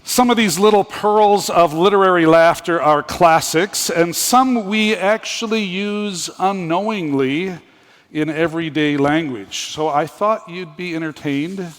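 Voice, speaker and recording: Slow-speaking man preaching in a hall. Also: fairly high pitch. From Minnesota. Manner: folksy and playful, with wordplay and audience questions. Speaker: conference speaker and theology professor. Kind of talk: conference sermon. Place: large hall. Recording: hall reverb.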